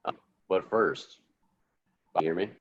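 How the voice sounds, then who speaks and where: A man's voice: sits low, a little slow, lo-fi sound. A man co-hosting a casual sports podcast over an internet call whose audio keeps cutting out. He talks loosely and restarts his sentences often. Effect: choppy internet call audio that keeps dropping out. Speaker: podcast co-host. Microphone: remote internet call.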